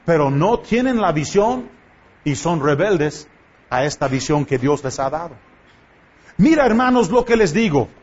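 Man preaching in church, high husky voice, impassioned rhetorical questions, dull lo-fi sound. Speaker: pastor. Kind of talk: sermon.

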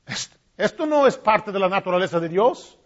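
A man preaching a sermon with passion, rising to loud cries and dropping to hushed tones. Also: high-pitched, lively intonation, moderate pace. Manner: impassioned preaching, swinging from loud cries to hushed near-whispers. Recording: dull lo-fi recording.

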